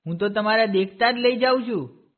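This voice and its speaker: Guy doing a cheeky little divine boy, kinda high, tinny phone-line sound. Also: moderate pace, close to an everyday voice. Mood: teasing. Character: mischievous playful young divine boy.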